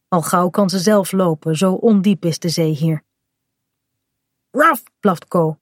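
A woman narrating a children's storybook in a clear, even storytelling manner. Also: lowish voice, no echo, clean studio sound.

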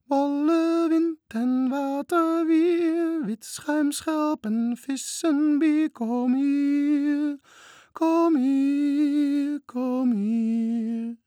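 A man voicing enchanted sea daughters who chant a spell in a slow, eerie sing-song. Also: very high-pitched, steady tone, mellow, dry recording, voice pushed up, exaggerated voice.

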